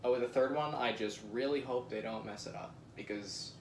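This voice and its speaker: A young man chatting casually with friends about a movie. He talks in a lively, jokey way and often repeats words. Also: medium pitch, brisk. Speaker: guest reviewer. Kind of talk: casual group movie review. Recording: echoey room, faint noise.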